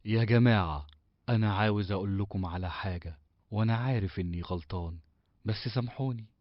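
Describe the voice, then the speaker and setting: Man playing a cartoon boy, Egyptian accent, fairly low voice, apologetic, slightly dull audio. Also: quick pace, no room sound, lightly acted. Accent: Egyptian Arabic. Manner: hesitant, apologetic. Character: remorseful young male cartoon friend. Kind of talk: cartoon voice acting.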